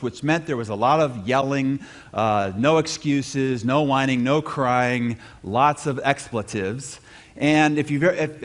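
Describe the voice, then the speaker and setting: Animated male motivational speaker on stage. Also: medium pitch. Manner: animated storytelling, punchy and self-deprecating humor. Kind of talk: live seminar talk. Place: stage before a live audience.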